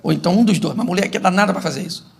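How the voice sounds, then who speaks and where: A middle-aged Brazilian man, a pastor, preaching a humorous sermon and acting out couples' arguments in an animated way. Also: high-pitched, very fast, gravelly. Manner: animated, acts out couples' quarrels for laughs.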